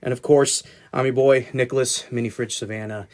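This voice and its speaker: A man hosting a podcast introduction, with a warm, upbeat announcer delivery and informal wording. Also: medium pitch, fairly even intonation, a little fast. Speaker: podcast host.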